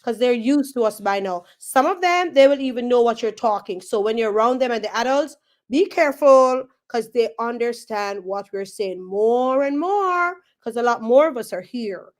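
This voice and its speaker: Woman, Jamaican accent, teacher, chatty, keeps asking "right?", slightly high pitch. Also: moderate pace. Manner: relaxed, chatty, tags sentences with "right?". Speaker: third grade teacher, guest. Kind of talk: casual interview.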